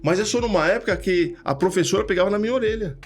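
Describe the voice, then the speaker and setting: A man's voice: high-pitched, fast, soft background music. A man with a São Paulo accent telling stories casually, acting out the people he quotes. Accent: São Paulo Portuguese. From Brazil. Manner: animated, acts out quoted voices. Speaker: podcast guest, retired police lieutenant. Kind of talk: casual storytelling.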